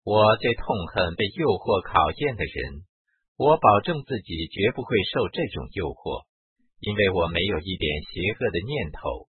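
A man's voice: low-pitched, big pitch swings, normal speed, breathy edge, no echo, heavily acted. A man reading the lines of a proud, scornful nun in a spiritual memoir. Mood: haughty. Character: haughty self-righteous woman, a nun. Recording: tinny narrow-band recording.

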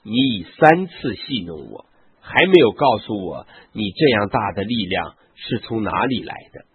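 A man reading the lines of a reproachful, coaxing woman from a scripture story, in a very husky voice over a tinny phone-like line. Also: on the low side, sing-song, normal speed, exaggerated voice. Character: pleading, reproachful woman Delilah.

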